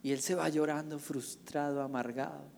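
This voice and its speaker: A male pastor, preaching a sermon with animated, dramatic storytelling. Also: on the high side, normal speed, gravelly, in a large hall, slight background noise.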